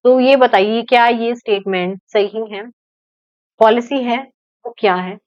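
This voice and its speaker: A woman's voice: fairly high pitch, fairly even intonation, unhurried, a little mellow, smooth, no echo. A woman teaching an exam-prep lecture, explaining with everyday examples and rhetorical questions. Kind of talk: online lecture. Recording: dull lo-fi dry recording.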